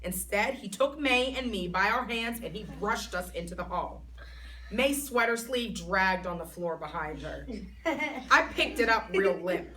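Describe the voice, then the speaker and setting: A woman reading a children's chapter book aloud in an expressive, child-like narrating voice. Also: mid-range voice, measured pace. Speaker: storytime reader. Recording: voice a bit far from mic, faint background noise.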